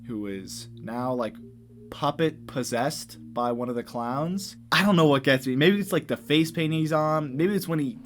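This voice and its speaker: A man giving a casual, comedic movie recap in an incredulous, animated way, with slangy, sweary speech. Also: fairly high pitch, moderate pace, a little hiss or hum. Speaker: movie reviewer.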